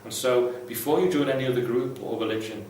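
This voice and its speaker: Blunt, sweary and irreverent, an ex-Jehovah's Witness advice vlogger talks quickly to viewers without a script. His tone is darkish at medium pitch. Faint noise and strong echo come through from the distant mic.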